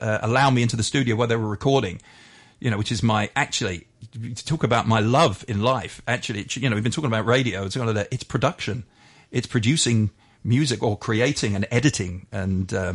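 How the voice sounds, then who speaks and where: A middle-aged man, a radio DJ, chatting as a guest in a casual interview, rambling with many fillers and restarts. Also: mid-range voice.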